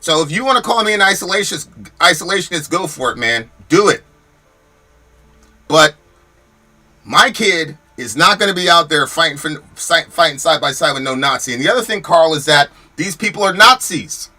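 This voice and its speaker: At a moderate pace, a slightly high, expressive male voice comes across pushed and bright. The American podcast host argues fiercely over chat comments with rhetorical questions, repeating words and restarting as he becomes worked up.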